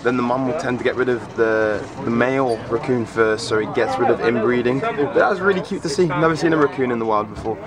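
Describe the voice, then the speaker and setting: A man's voice: mid-range voice, quick pace, few pauses. A man talks casually and cheerfully to his camera while on a tour outside. Chatter from a crowd of people fills the background. His tone stays light and jokey. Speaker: travel vlogger. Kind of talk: casual vlog narration. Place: outdoors, at a swamp tour site and on a boat. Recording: outdoor video with crowd noise.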